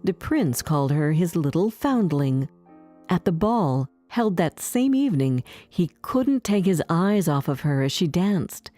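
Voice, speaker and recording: Storybook narrator, woman, low dark tone, animated delivery for learners. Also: unhurried, faint music behind.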